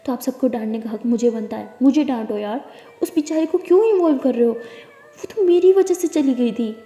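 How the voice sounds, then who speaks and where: A bold young college girl, put on by a woman storyteller, defiant and protective. She pleads in a high, mellow voice. The room adds a long, roomy echo. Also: moderate pace. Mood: defiant pleading. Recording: echoey room with long reverb.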